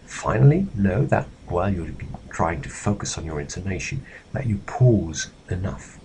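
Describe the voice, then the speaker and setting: A man lecturing in a measured, instructive way, pausing with fillers as he explains. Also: low-pitched, lively intonation, dark tone, slight background noise, rough recording. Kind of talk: recorded lecture slidecast.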